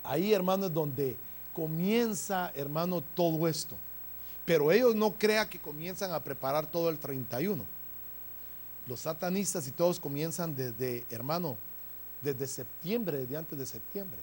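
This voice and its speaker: A pastor delivers a sermon to his congregation in a notably high-pitched voice. He keeps turning to the listeners with brotherly asides and pushes his points with rising emphasis. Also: unhurried, darkish tone. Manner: preaching with frequent "hermano" asides, rising emphasis.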